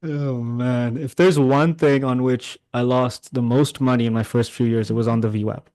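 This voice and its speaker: A middle-aged man, a day trading mentor, commenting on a live trading session, excitable and talking to his chat, swearing when frustrated. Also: mid-range voice, normal speed, no room sound.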